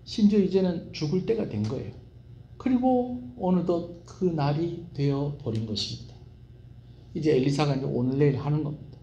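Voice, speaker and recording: Animated pastor preaching. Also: male voice, a little high, normal speed, muffled recording, slight background noise. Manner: animated, asks the congregation questions. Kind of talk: Wednesday evening sermon. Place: church sanctuary. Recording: roomy church hall echo.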